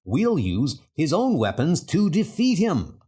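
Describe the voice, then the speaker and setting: A man playing a brisk, bossy scientist superhero, earnest and a little patronizing, in a comic dub. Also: a little high, wildly swooping pitch, dark tone, breathy edge, heavily acted. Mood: determined. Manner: earnest, commanding.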